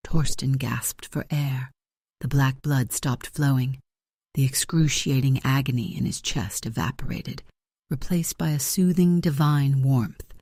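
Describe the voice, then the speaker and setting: Mellow dark-toned male audiobook narrator. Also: medium pitch, no room sound, clean studio sound. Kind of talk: scripted romance audiobook narration.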